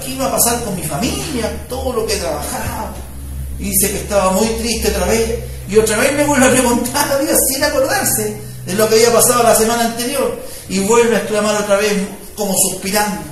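Male pastor, very high voice, preaching from a distance in a booming reverberant hall. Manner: conversational preaching with rising fervor, frequent "¿me entiende?". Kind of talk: sermon. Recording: echoey room, voice from far off mic.

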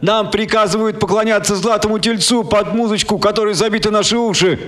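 A man's voice: high-pitched, steady tone, fairly bright tone, pitched above the performer's own voice. A man doing a fiery crowd-rousing orator. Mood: indignant. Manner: declaiming, rousing, slow rhetorical cadence.

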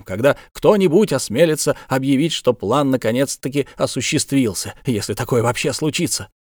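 A man's voice: medium pitch, no echo, clean studio sound, close to an everyday voice. A man voicing a stern, insistent official in an audiobook, pressing with hard questions.

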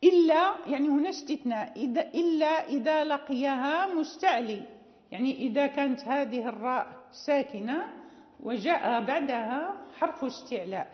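Woman teacher going over recitation rules, pretty high voice, lots of "ah" and repeats, dull echoey recording. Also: expressive. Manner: explains patiently, repeats examples slowly with many fillers. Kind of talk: explanatory lecture on recitation rules. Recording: roomy, reverberant, dull lo-fi recording.

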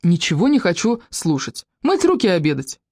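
A woman voicing a feverish young woman, soft and affectionate. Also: fairly low pitch, very animated, fairly quick, slightly rough, no room sound, studio quality, heavily acted. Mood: insistent.

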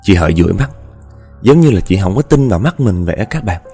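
Husky-voiced Southern Vietnamese storyteller. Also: male voice, lowish voice, expressive, fast talker, mellow. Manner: chatty, addresses listeners directly. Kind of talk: horror story narration. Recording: faint background music.

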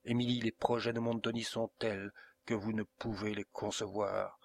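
A man's voice: on the low side, little pitch movement, normal speed, gravelly, no echo. A man reading a desperate, vehement nobleman count. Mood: pleading, vehement. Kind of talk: audiobook character reading.

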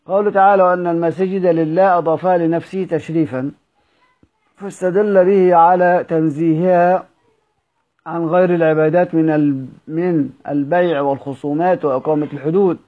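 A man reading a classical text aloud as a teacher, in measured tones, stressing each verse heading and adding brief asides. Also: fairly high pitch, fairly even intonation. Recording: narrow phone-like audio.

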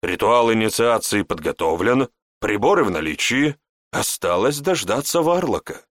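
A man voicing a calm, businesslike male mage who speaks politely and matter-of-factly. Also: on the low side, normal speed, dry recording, studio quality.

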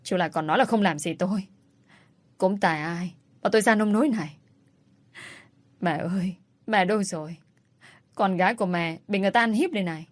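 A woman voicing a stubborn, crafty young woman who pleads and sulks in a quick, whiny way. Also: medium pitch, no room sound, close to an everyday voice.

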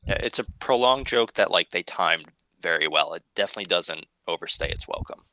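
A man with a very deep but bright, forceful voice co-hosting a film podcast. He adds brief, matter-of-fact remarks, recorded dry and close. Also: lively intonation, brisk, no echo. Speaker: podcast co-host. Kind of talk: casual film discussion.

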